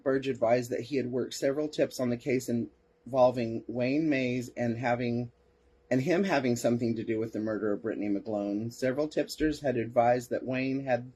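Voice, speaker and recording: A man's voice: mid-range voice, mellow, breathy edge. A man hosting a podcast, reading case reports aloud and breaking off for sarcastic asides and replies to listeners. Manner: sarcastic asides, answers chat comments. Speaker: podcast host.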